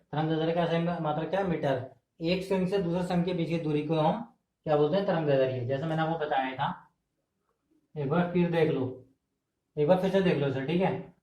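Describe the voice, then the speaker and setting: A man with a fairly high voice teaches an exam-prep class, posing questions and answering them himself. He repeats key terms to drill them in. The sound bounces around the room he is filmed in. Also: darkish tone. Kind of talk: classroom lecture. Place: indoor room filmed on camera. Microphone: camera mic. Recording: echoey room.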